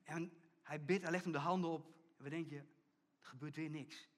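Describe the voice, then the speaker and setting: A middle-aged man preaching a sermon as pastor, telling a story and acting out the people in it, often dropping to a hushed tone for emphasis. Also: on the high side, fairly even intonation, normal speed. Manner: storytelling preacher, acts out quoted voices, drops to hushed emphasis.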